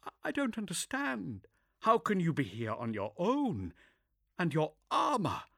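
A man voicing a sharp, anxious young female inquisitor with a strained, breathy voice and quick, insistent questions. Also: high voice, wildly swooping pitch, dry recording, studio quality, voice pushed up, full character voice. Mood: urgent.

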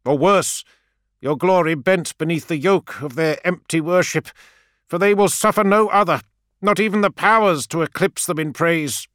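A man's voice: fairly high pitch, normal speed, fairly bright tone, no echo, studio quality, voice pushed up, close to an everyday voice. A male narrator voicing a zealous older priest who speaks in an impassioned, preaching manner. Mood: fervent. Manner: impassioned, preaching, rising declamation.

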